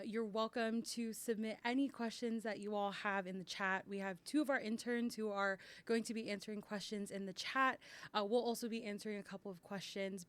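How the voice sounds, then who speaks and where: A woman who works in university admissions, moderating a student panel in an upbeat, welcoming way. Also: medium pitch.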